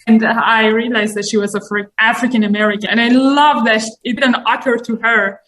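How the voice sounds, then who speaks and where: A woman's voice: fairly high pitch, fairly even intonation, brisk, a bit bright, rough recording. A woman in her thirties from Iran, a guest in a casual interview, speaking earnestly and reflectively. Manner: earnest, reflective, with occasional light laughs.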